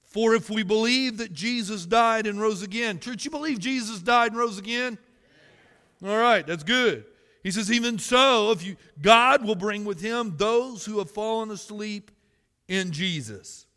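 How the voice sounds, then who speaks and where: A man preaching a sermon to his church, reading scripture loudly and then dropping to quiet, personal musing. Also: sits high, unhurried, in a large hall. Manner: animated, swings between loud scripture reading and quiet musing. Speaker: pastor. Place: church sanctuary.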